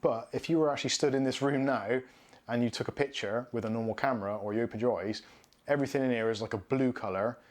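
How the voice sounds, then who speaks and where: Speaking fast in a steady, mid-range voice, a man in his thirties with a southwest England Bristolian accent hosts a casual live Q&A. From his home studio with its shelves and neon signs, he chattily reads viewer comments out and replies.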